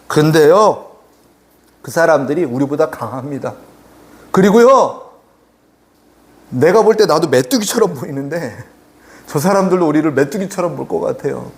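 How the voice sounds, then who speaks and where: A man preaching in a sermon, voicing fearful, despairing Israelite men in a low, subdued, whining tone. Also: animated, normal speed, vocal fry, pauses often.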